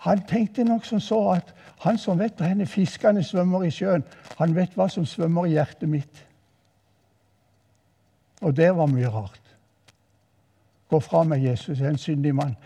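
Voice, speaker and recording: An older man with a southern Norwegian accent preaches with lively storytelling in a mission hall. His voice sits high but sounds dark and mellow. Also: long pauses, husky. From southern Norway. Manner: lively storytelling, voice rising for quoted exclamations. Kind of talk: sermon.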